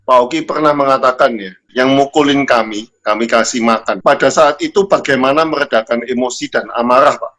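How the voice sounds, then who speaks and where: Man interviewing a guest, polite and formal, asks his questions clearly. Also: medium pitch, fairly quick, hardly any pauses, a bit bright.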